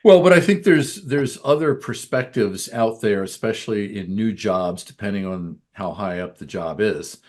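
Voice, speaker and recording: A man co-hosting a business podcast who explains his views in a thoughtful, measured way. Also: lowish voice. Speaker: podcast co-host, business coach. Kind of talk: casual podcast chat.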